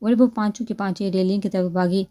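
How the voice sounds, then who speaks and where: Woman reading a novel, mellow voice. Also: medium pitch. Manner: steady, expressive reading. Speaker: audiobook narrator. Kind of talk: reading a romance novel aloud.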